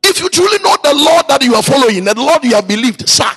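A male preacher, delivering a sermon in a chanting, sing-song way with repeated lines and shouted peaks. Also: very high voice, very animated, fast.

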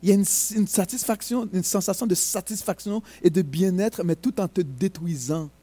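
Fervent high-voiced male preacher. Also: normal speed, dark tone, dry recording. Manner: emphatic, rising to fervent exhortation. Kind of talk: sermon.

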